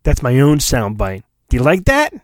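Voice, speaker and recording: At a normal speed and medium pitch that swoops wildly, a middle-aged American man reads a storybook with flair, interjecting casual, joking asides and breaking off mid-thought. He's a podcast host recording on his phone. The sound is clean like a studio's, though it's homemade, with a roomy echo and faint music.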